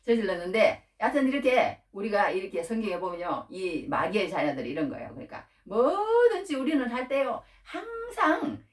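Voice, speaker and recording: A woman preaching a Bible-teaching sermon, animated and full of rhetorical questions, acting out quoted prayers. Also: mid-range voice, fairly quick, hardly any pauses, distant mic. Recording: echoey room, voice from off-mic.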